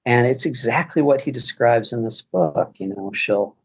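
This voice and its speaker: A man's voice: mid-range voice, normal speed, husky, lo-fi sound. A man speaking as a podcast guest, rambling casually with many restarts. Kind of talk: casual conversation.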